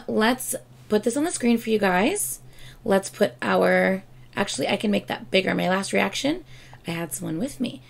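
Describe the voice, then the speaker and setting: Sitting at her home desk in webcam framing, a K-pop reaction YouTuber in her thirties chats excitedly in a mid-range voice gone hoarse. Her room is lined with shelves of albums and collectibles, and she keeps bursting into laughs and exclamations.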